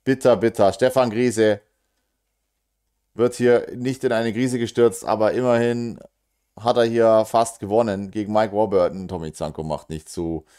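A man's voice: lowish voice, steady tone, darkish tone, smooth. A German man giving live darts commentary: casual, joking, groaning over near misses and talking straight to his audience. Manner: talks fast and casual with quick asides to the audience.

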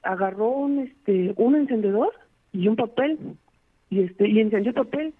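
A man's voice: sits high, moderate pace, breathy edge. Man telling his story over a phone line. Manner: rambling, many "este" fillers. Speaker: caller. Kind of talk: telling a true scary story.

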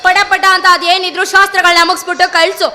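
An actress playing a haughty, mocking elder sister-in-law in a stage play. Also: female voice, very high voice, level tone, quick pace, heavily acted. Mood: scornful. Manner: mocking, sharp-tongued. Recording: live stage with loud music.

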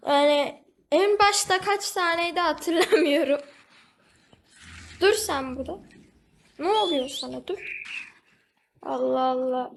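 A woman giving casual, chatty commentary over her gameplay, talking to the game animal and to her viewers. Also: sits high. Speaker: gaming video host.

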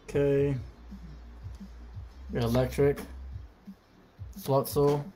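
A man's voice: mid-range voice, flat delivery, slow, dark tone, soft background music. A man chatting casually on a live stream, reading out card names and talking to viewers.

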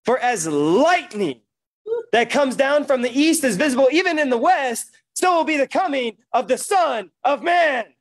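Preacher at a pulpit mic, high male voice, dry close sound, reads scripture then reacts with emphatic asides. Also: lively intonation, unhurried, dry recording. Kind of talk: sermon with scripture reading.

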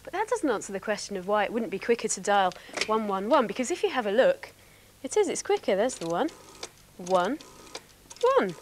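A young woman presenting a children's TV programme, explaining things clearly and brightly to young viewers. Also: a little high, a little hiss or hum.

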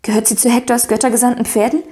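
A woman's voice: a little high, level tone, fast talker, dark tone, voice pushed up, natural voice. A woman reading an audiobook, voicing an eager, curious thirteen-year-old girl who asks question after question. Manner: breathless, pleading questions.

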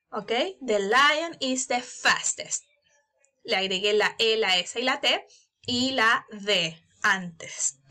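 A woman's voice: high-pitched, bright, forceful tone. A woman with a Chilean Spanish accent teaching an English grammar lesson in a recorded online class, explaining step by step and checking in with her students often. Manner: explains slowly, checks in with "¿ya?" and "¿cierto?".

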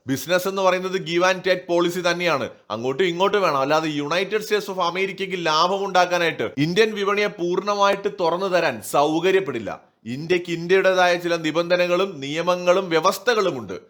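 In slightly high, somewhat bright tones, a male online news commentator pushes his political opinions. He leans on emphatic rhetoric, firing questions at himself and answering them.

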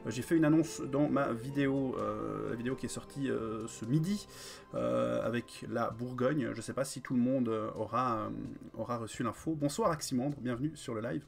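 A man's voice: mid-range voice, moderate pace, vocal fry. Hesitant man streaming a strategy game. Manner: hesitant, many fillers, greets chat viewers. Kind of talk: live strategy game commentary.

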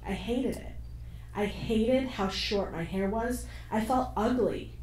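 A young woman on a panel, telling a candid personal story with animated, frank delivery into a handheld mic on a stage. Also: a little high, slow pace. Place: stage of a screening room with an audience. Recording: echoey hall from far off, faint noise.

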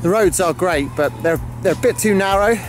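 A light-hearted man talks to camera outdoors on a road trip. His voice sits a little high and his tone stays chatty. Music plays clearly under him. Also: a little fast. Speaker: vlogger. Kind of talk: casual travel vlog narration.

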